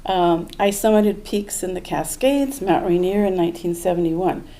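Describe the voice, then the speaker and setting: Older lady, kinda low voice, earnest reflective storytelling. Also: moderate pace, mellow, rough recording. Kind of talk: live storytelling. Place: small museum event room.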